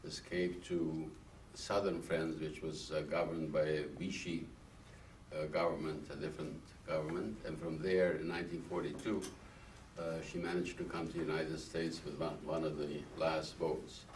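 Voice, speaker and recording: In a small classroom, a man in his eighties who survived the Holocaust recounts his life for an oral history; he comes from Carpathian Ruthenia, then part of Czechoslovakia. His voice rumbles low and flat, slow and halting with many "uh" fillers, and the distant camera mic adds echo and faint hiss.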